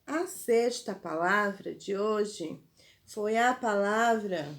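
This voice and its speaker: A woman teacher, giving a spelling lesson to children slowly and patiently, spelling out syllables. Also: mid-range voice, expressive. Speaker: primary school teacher.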